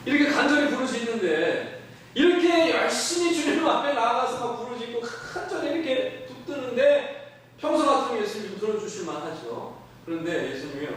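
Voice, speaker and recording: High, lively male pastor, sermon in an echoey sanctuary, mic set at a distance. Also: a little hiss or hum. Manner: animated, acts out quoted voices, asks the congregation questions. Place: church sanctuary.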